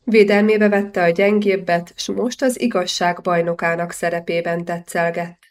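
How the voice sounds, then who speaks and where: A woman reads a historical novel aloud as an audiobook narrator. Her voice sits somewhat low, and her delivery is measured and even. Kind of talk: scripted literary narration.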